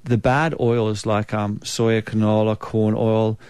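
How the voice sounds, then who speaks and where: Man, New Zealand accent, lowish voice, measured explainer, dry recording. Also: little pitch movement, a little mellow, smooth, no room sound. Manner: measured, explanatory, many um fillers. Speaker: naturopath guest. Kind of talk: conversational expert interview.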